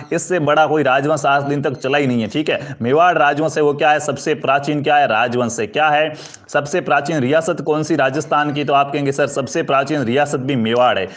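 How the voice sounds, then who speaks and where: A man teaching an exam-prep history lesson, asking questions and answering them himself while calling his students friends. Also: on the high side. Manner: addresses students as friends, asks for comments and likes.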